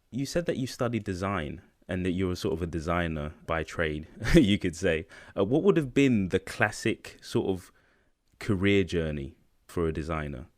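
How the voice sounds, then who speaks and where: A man's voice: deep voice, no echo, studio quality. A man from the UK co-hosting a podcast, talking casually and laughing often as he speaks. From United Kingdom. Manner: laid-back, laughs while talking. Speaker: podcast co-host.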